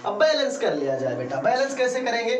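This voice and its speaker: A man's voice: very high-pitched, very animated, brisk. A male chemistry teacher gives a classroom lecture, calls his students "beta" and repeats key terms in call-and-answer. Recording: roomy echo, voice from a distance, faint ambience.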